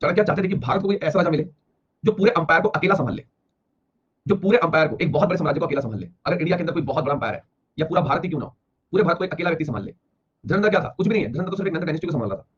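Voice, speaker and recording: An Indian man lectures a history class at a rapid clip, repeating each point as he explains it. His voice sits a little high for a man. The recording is dull and lo-fi, with faint classroom ambience behind him. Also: lively intonation, husky. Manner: rapid, repetitive explaining, slowing to read English lines aloud. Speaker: history teacher. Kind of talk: classroom lecture mixing Hindi and English.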